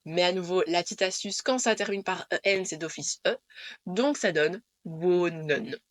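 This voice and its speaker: A woman teaching Dutch pronunciation to camera, patiently repeating the rules in a clear way. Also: on the low side, moderate pace, no room sound.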